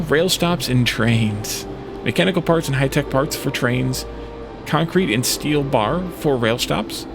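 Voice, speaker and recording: Game music runs in the background as this let's play host offers casual commentary on a video game. His voice is gravelly and medium in pitch, and he muses to himself in brief, thinking-aloud fragments.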